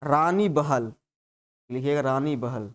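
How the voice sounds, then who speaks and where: A man's voice: medium pitch, takes it slowly. A male teacher giving a live exam-prep class, repeating terms and coaxing students with constant checks. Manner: repetitive, coaxing, peppers lines with "hai na".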